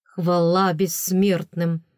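A woman voicing an ardent, eager adult prince, speaking slowly and emphatically, a little louder than her narration. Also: on the low side, fairly even intonation, no room sound, studio quality, natural voice. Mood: elated.

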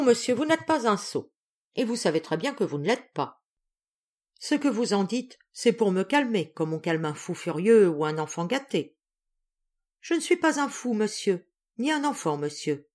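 A woman's voice: mid-range voice, a little mellow. A woman voicing a proud, touchy old general of sixty-three who barks orders in an audiobook reading. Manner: gruff, touchy, commanding.

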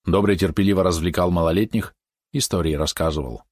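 A man reading a historical story aloud in a steady storytelling manner. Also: sits low, fairly quick, no room sound, studio quality. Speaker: narrator. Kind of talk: audiobook narration.

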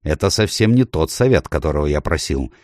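A man's voice: rumbling low, expressive, a little fast, a little mellow, dry recording, clean studio sound. Man doing a blustering, barking usurper king. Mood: furious. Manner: barking, indignant. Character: blustering angry middle-aged usurper king.

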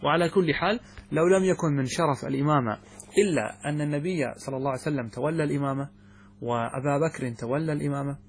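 A man's voice: a little high, fast talker, a little hiss or hum. A man teaching a classical religious text to students, explaining it point by point, often repeating words and checking whether his students have understood. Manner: asks students check questions, repeats words, restarts phrases. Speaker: sheikh teaching fiqh.

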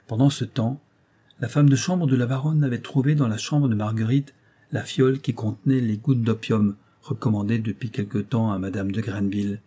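A man reads a classic tale aloud in a steady storytelling manner. His voice is dark and mellow, with a husky grain. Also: fairly low pitch. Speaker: narrator. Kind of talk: audiobook reading of a classic tale.

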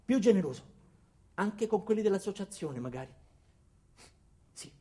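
Here an actor speaks at a moderate pace in a high, slightly rough voice, playing a comic radio drama's earnest, insecure office man who tells his own story with hesitant deadpan delivery.

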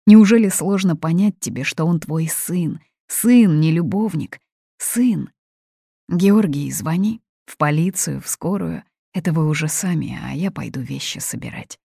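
A woman's voice: sits low, expressive, a little slow, vocal fry, dark tone, slightly rough, dry recording, clean studio sound, full character voice. A woman voicing a fearless young woman who speaks hard and cutting as she confronts a family. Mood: cold, firm.

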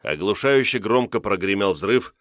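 A man narrating an audiobook in a steady, grave reading style. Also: on the low side, moderate pace, no room sound, clean studio sound. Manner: steady, grave reading of a wartime crime novel. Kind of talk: scripted narration.

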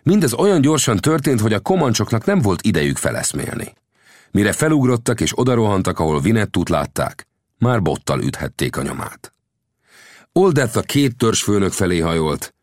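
A man narrating an adventure novel as an audiobook, in lively storytelling that rises with the action. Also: on the low side, no room sound, clean studio sound.

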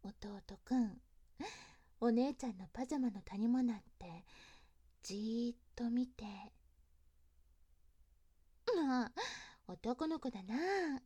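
Woman acting a breathy big sister, ASMR role-play pillow talk. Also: fairly high pitch, no echo. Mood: teasing, coaxing. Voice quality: soft, breathy. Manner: slow, coaxing, tender bedside murmuring. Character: doting, teasing big sister soothing her younger brother to sleep.

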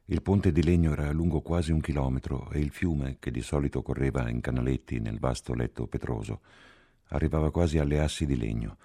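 A man narrates a literary novel in a steady, sober first-person voice. His tone sits very low with a gravelly, husky grain. The reading is measured and unhurried. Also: dry recording, studio quality. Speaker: audiobook reader.

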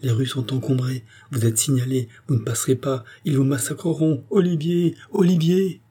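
A man voicing a frightened queen who pleads in a hushed, anxious way, with a husky timbre. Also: on the low side, fairly quick. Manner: hushed, then cries out.

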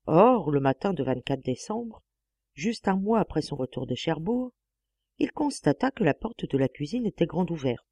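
A woman narrating a classic novel as an audiobook, with a measured, expressive reading on a close mic. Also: low voice, no room sound. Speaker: audiobook reader.

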